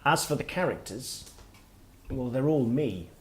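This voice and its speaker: A middle-aged man, an author giving a workshop talk, speaking in a reflective, halting way as he thinks aloud. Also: mid-range voice, lively intonation. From Wales. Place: workshop room with listeners.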